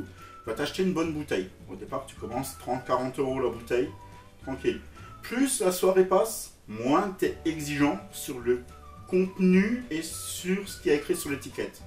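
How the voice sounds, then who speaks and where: A man with an Alsatian French accent, from Alsace, delivering a teasing comic monologue to his viewers. His voice sits at an ordinary pitch and sounds a little far from the microphone. The room is echoey, with faint music behind him. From Alsace, France. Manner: jokey, teasing, talks straight to viewers. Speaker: vlogger.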